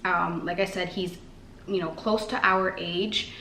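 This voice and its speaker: A woman's voice: on the low side, fairly even intonation, a little slow, creaky, sharp tone. A woman vlogger chatting casually, rambling with many fillers. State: out of breath. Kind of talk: casual chat. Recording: echoey room, faint noise.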